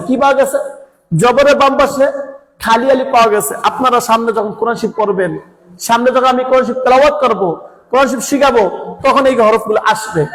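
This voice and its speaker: A man's voice: very high-pitched, a bit bright, big-room sound, rough recording. A man teaching Quran reading, asking questions and answering them himself, repeating each point. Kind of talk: classroom-style lesson.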